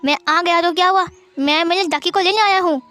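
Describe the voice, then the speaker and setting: A woman voicing a clingy little boy who whines and pleads in drawn-out words. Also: extremely high pitch, pushed and bright, voice pushed up. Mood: whiny pleading. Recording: faint background music.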